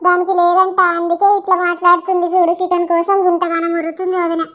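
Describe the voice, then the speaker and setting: A woman's voice: very high voice, monotone, quick pace, fairly bright tone. A woman playing a hurt young married sister visiting her mother, with a plaintive, aggrieved way of talking.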